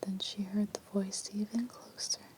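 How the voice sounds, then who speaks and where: A woman reading creepy legends as an ASMR storyteller in a hushed, breathy whisper. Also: medium pitch, flat delivery, unhurried.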